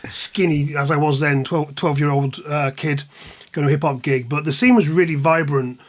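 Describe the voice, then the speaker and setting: With a fairly high pitch, fairly even intonation and a moderate pace, a man in his fifties speaks with an English accent. He comes from the East Midlands and is a music journalist and author, a guest casually reminiscing in an interview through anecdotes and self-deprecation.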